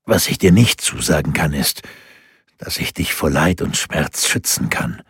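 A brooding, bitter mercenary speaks gravely, as a man reads him. The voice is very deep and breathy, recorded close and dry. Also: lively intonation, a little slow, a bit bright, no echo, exaggerated voice.

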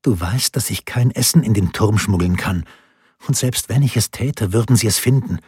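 A man reading a worried, devoted noblewoman, husky low voice. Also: moderate pace, darkish tone, dry recording, studio quality.

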